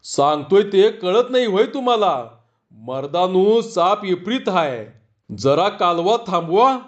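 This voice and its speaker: A man voicing an angry village man who scolds a crowd loudly in rural dialect. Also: sits high, animated, slow, highs cut off.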